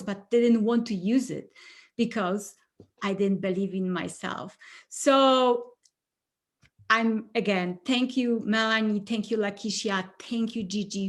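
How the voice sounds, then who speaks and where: Polish-accented woman co-hosting, talks slow and earnest, kinda halting. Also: mid-range voice. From Poland. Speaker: co-host. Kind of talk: personal testimony speech.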